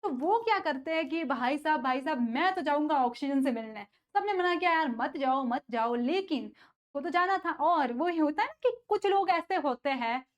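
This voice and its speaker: A woman teaching school science in a lively lecture, often asking a question and then answering it herself, with playful asides. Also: high voice. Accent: North Indian Hindi. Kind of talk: classroom lecture with call-and-response questions.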